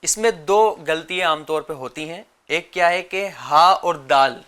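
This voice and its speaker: A man teaching children Quran recitation, chanting verses slowly and patiently asking them to repeat. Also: a little high, sharp tone, clean tone. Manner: patient, drawn-out recitation with call-and-repeat questions.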